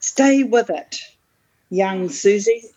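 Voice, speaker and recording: A woman playing a wise, patient, very old magic professor in an improvised comedy sketch, measured and consoling. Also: medium pitch, mellow, highs cut off, natural voice.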